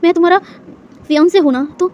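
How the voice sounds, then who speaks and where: A woman's voice: quick pace, darkish tone, highs cut off. A woman putting on a shrieking jealous fiancée. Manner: shrill, stammering, repeating words. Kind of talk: storytelling with acted dialogue.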